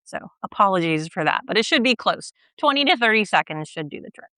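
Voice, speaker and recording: A young woman guiding a stretching routine, gentle and patient, often checking in with the listener and a little out of breath as she stretches along. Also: medium pitch, lively intonation, brisk, no room sound. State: slightly out of breath while stretching. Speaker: stretching instructor. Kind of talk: guided exercise instruction.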